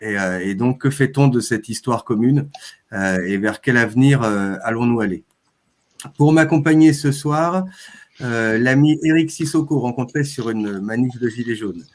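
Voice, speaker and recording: A man hosts a live chat stream in a relaxed, conversational voice of middle pitch. He pauses often and hesitates between phrases as he introduces his guests. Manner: hesitant, with frequent "euh" fillers. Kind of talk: casual live-stream talk.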